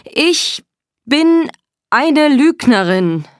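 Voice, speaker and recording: A woman reading a controlling, volatile young man in an audiobook. He drags out his words with slow menace and can erupt into shouting. The sound is dry and close. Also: deep voice, little pitch movement, no echo. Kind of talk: audiobook dialogue.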